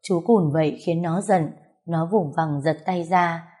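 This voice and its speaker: A woman narrating a romance story in a measured, emotional reading. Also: on the low side, warm tone.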